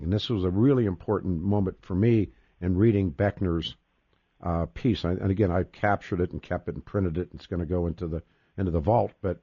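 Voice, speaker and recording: A man's voice: low voice, dark tone, no room sound, highs cut off. A man hosting a casual discussion, talking emphatically, repeating words and cutting in often. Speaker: podcast host.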